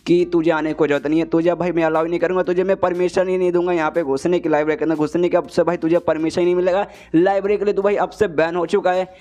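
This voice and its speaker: A man reading the lines of a strict, grumpy old male librarian in a comic recap, gruffly scolding. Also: high-pitched, flat delivery, fast, hardly any pauses, darkish tone, lightly acted.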